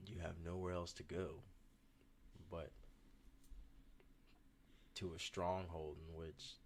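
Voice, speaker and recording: Deep voiced bro dude on a podcast, swears a lot, rambly, bit of noise behind him. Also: male voice. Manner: frat-bro slang, swearing, calling listener bro and dude. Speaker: podcast host. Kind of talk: casual chat, rambling storytelling.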